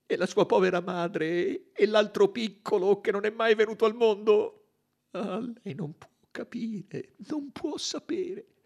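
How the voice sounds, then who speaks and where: A man's voice: unhurried, gravelly, darkish tone, exaggerated voice. A man doing a sobbing nanny. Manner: high, sobbing, distraught. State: crying. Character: weeping Swedish nanny, woman.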